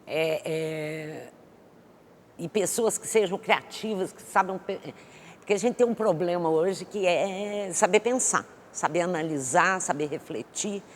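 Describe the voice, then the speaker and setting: A woman guest expert in an interview, answering thoughtfully with many pauses and restarts. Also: on the low side. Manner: hesitant, many fillers and restarts. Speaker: economist guest. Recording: long hall reverb with faint noise.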